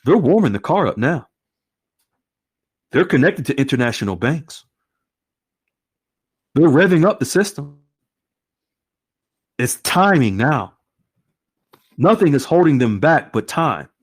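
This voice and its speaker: A man hosting an online group call, animated and exclaiming often. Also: fairly high pitch, unhurried, long pauses, slightly rough. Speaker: host.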